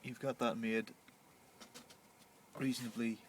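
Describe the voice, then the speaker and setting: A man's voice: medium pitch, little pitch movement, takes it slowly. Man chatting, faint noise behind. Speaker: camper van vlogger. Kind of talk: casual unscripted chat. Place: inside a camper van.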